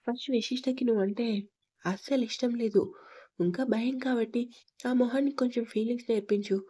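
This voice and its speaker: A woman's voice: a little high, fairly quick, warm tone, close to an everyday voice. A woman voicing a cautious young male sidekick who coaxes his hot-tempered friend carefully. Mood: coaxing. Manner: coaxing, careful.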